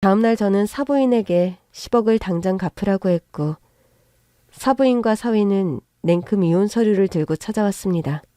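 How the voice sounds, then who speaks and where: A woman narrates a first-person story in a steady, plain way. Her voice is mellow and warm, at a middle pitch. The recording is close and dry. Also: normal speed, dry recording.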